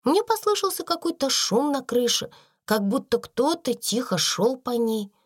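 Woman voicing a proud young schoolgirl, storybook, earnest, lively pitch, slightly raised voice. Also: a little slow, no echo, clean studio sound, heavily acted. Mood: puzzled.

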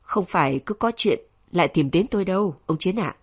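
A woman's voice: lowish voice, lively intonation, a little fast, husky. A woman voicing an arrogant, wealthy man of power who brushes off a visitor, in a storybook reading. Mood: dismissive.

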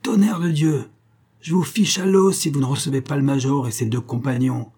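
A man voicing a rough, bellowing grenadier soldier, blunt and brave, who shouts his lines gruffly in a storybook reading. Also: medium pitch, moderate pace, close to an everyday voice. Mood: furious.

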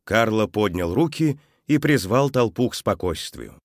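A narrator with a deep, low male voice reads a children's story aloud at a measured pace. He is expressive, softening at the sad parts, and the recording is close and dry with no room sound.

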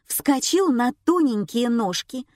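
Woman narrator, unhurried pace, expressive and wry, dry close-mic sound. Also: a little high, no echo. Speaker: audiobook reader. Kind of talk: scripted narration.

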